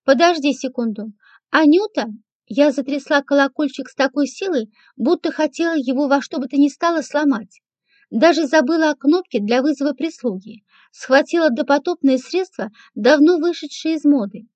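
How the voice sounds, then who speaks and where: A woman narrating a first-person audiobook in a dry, measured manner. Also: high-pitched, a little mellow, no echo. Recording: dull lo-fi, dry.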